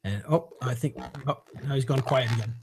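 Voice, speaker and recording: A man hosting a live webinar, pitching a membership and answering viewer questions in a casual, upbeat way. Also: darkish tone, a little hiss or hum. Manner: casual, upbeat, with fillers and quick jokes. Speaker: webinar host.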